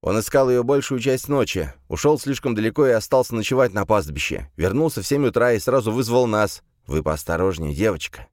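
A man's voice: lowish voice, animated, a little fast, few pauses, a little mellow, no room sound, studio quality, pitched above the performer's own voice, close to an everyday voice. A man reading aloud, voicing a tired middle-aged gendarme who repeats himself mechanically and lectures. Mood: admonishing. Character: weary middle-aged male gendarme, repetitive and fussy.

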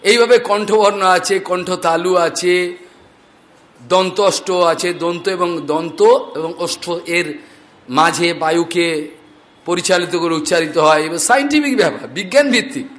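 A male preacher giving a scripture discourse, reciting Sanskrit mantras and telling animated stories. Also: high-pitched, measured pace.

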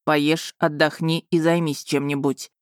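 A woman's voice: low voice, little pitch movement, measured pace, no echo, clean studio sound. A woman voicing a stern, commanding duke who gives curt, clipped orders.

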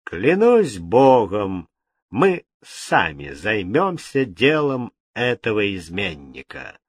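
A man voicing a vain, haughty king who speaks coldly and is quick to fright. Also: fairly low pitch, sing-song, dry recording, clean studio sound, exaggerated voice. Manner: cold, haughty. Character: vain, cold, easily frightened male king.

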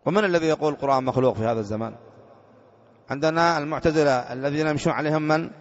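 A man's voice: a little high, very fast. A religious teacher from Yemen, explaining a creed text in a lecture and often posing rhetorical questions to his listeners before answering them. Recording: dull lo-fi lecture recording.

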